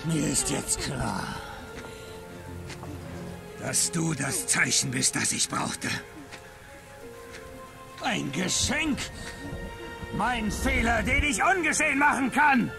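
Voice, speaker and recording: A gravelly, obsessive killer, his voice pitched high for a man and delivered slowly and intensely. Game score music plays clearly behind him, as in a dubbed video game scene. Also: lively intonation, full character voice. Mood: obsessive menace. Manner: snarling, then slow and intense. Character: unhinged menacing male killer, obsessive.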